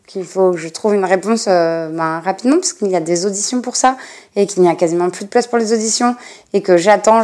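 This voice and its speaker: A woman's voice: mid-range voice, darkish tone. Girl rambling on her podcast, chatty, lots of euh and restarts. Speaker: podcast host. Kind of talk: casual personal podcast monologue.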